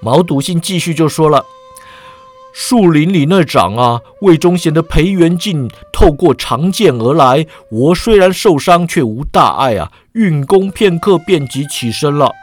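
A man's voice: fairly high pitch, expressive, a little slow, faint music behind. A male storyteller reading a serialized martial-arts novel in a leisurely way, drawing out his sentence-final particles.

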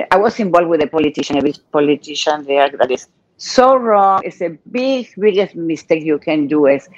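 Older Argentine woman, halting English. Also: deep voice, dry recording, lo-fi sound. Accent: Argentine Spanish. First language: Spanish. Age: 60s or older. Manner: lively storyteller, halting non-native English. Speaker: guest. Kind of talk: casual interview chat.

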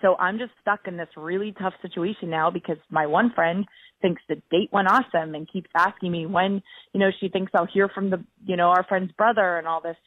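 A woman's voice: fairly low pitch, fairly even intonation, brisk, no room sound. A woman from Illinois leaving a casual, chatty voicemail for a radio show, full of fillers. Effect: voicemail played on air. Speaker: caller. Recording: tinny phone-line voicemail.

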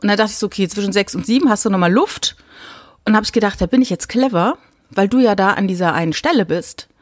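A woman co-hosting a casual podcast chat, telling a story in a lively way and acting out what was said. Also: mid-range voice, quick pace, no room sound, clean studio sound. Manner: lively storyteller, acts out quoted dialogue. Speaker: podcast co-host.

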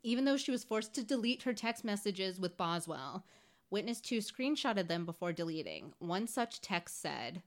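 A woman's voice: medium pitch, sing-song, normal speed. A woman hosting a podcast, casually recounting a criminal case with frequent "like" and wry asides. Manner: conversational, fillers like "like", wry asides. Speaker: podcast host. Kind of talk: true-crime podcast narration.

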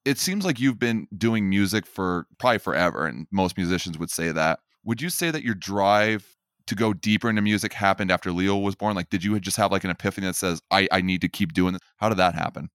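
A man's voice: low voice, fairly quick, a bit bright, no room sound, clean studio sound. A man hosting a casual interview podcast, upbeat and encouraging, speaking directly to his listeners. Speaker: podcast host.

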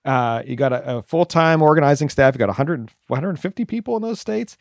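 A male interviewer who asks halting, wry questions full of restarts. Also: on the high side, lively intonation, dry recording, clean studio sound.

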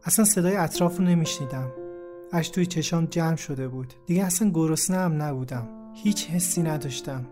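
A man narrating a first-person memoir in a steady, reflective way. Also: on the high side. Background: faint background music.

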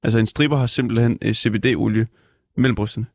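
A man's voice: lowish voice, steady tone, darkish tone, no echo, clean studio sound. Chatty male radio host. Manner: chatty, hesitant with fillers. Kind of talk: casual radio chat.

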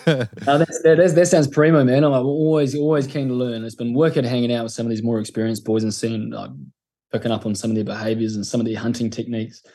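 A man's voice: medium pitch, level tone, quick pace, dark tone. A man with a broad New Zealand accent telling stories in casual, laid-back, slangy and sweary chat as a podcast guest.

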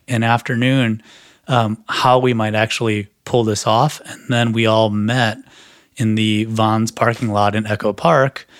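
A Chicago artist and designer, appearing as an interview guest, talks at length in a chatty way, packing his speech with fillers. His voice is lowish, and the clean studio recording has no room sound.

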